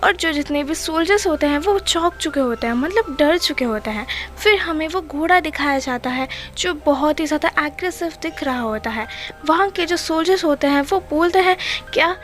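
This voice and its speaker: Young woman, high voice, casual recap narration, faint music behind. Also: fairly quick. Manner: plain steady retelling, reads dialogue flatly.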